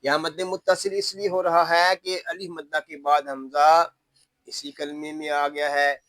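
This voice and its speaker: A man teaching Quran recitation rules word by word, patiently explaining each rule and chanting the verses in long, drawn-out tones. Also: on the high side, level tone, a bit bright, dry recording. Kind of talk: tajweed lesson, word by word.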